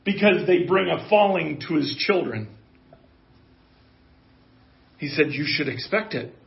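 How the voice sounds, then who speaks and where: A man's voice: a little high, animated, normal speed, creaky. A man in his fifties preaching a sermon in an earnest, conversational way, rising to emphasis. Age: 50s. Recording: dull lo-fi audio.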